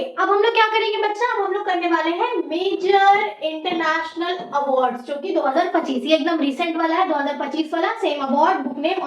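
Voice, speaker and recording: A young woman with an Indian accent teaching an exam-prep class, speaking loudly and checking in often with her students. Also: very high-pitched, echoey room, recorded from a distance, low-quality recording. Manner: talks loudly over background noise, many "theek hai" checks. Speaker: coaching teacher. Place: teaching room near construction work.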